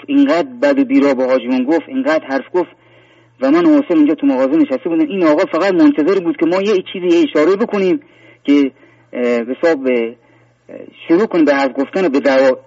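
A man's voice: fairly high pitch, big pitch swings, creaky, darkish tone, dry recording. A man calling in to a talk program, telling a personal story earnestly, rambling with many fillers and restarts. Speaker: caller. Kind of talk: phone-in sharing a personal story. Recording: muffled phone-in line, distant.

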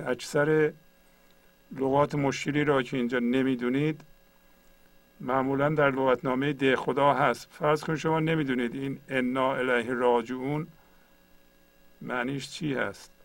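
Man, tutorial teacher, patient step-by-step explaining, narrow even pitch. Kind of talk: screen-share tutorial.

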